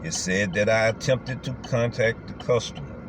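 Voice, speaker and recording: A man's voice: on the low side, normal speed. A man talking casually as a delivery driver vlogging, colloquial and emphatic, often repeating himself. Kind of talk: casual vlog talk. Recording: clear background noise, vehicle-like hum.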